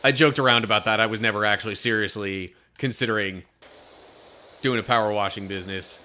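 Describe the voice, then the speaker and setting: A man's voice: fairly low pitch, fairly even intonation, brisk, sharp tone. A young man from Pennsylvania, chatting casually on a live stream, telling a rambling story and reading chat comments aloud.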